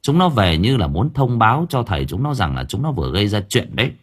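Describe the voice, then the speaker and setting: A man narrating an audiobook story in an expressive storytelling manner. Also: fairly low pitch, fast talker, husky. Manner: expressive, swinging voice for drama.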